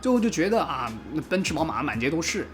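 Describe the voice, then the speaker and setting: Fast, animated man chatting casually. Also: fairly high pitch, over music. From China. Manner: animated, fast and chatty, mimics commenters in a raised voice, casual swearing. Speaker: car reviewer. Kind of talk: casual vlog chat.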